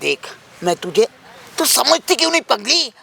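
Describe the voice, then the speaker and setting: An actor playing a lecherous, bullying older uncle who talks in a leering, wheedling, threatening way, in an amateur short drama. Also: male voice, very high voice, very animated, moderate pace, vocal fry, bright, forceful tone, husky, exaggerated voice. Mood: menacing.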